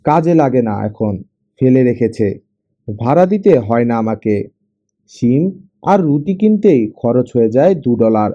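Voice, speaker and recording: A man's voice: mid-range voice, animated, measured pace, long pauses, warm tone, no room sound. A man voicing a poor, proud teenage fisher boy in an audiobook, speaking plainly and earnestly. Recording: dull lo-fi audio.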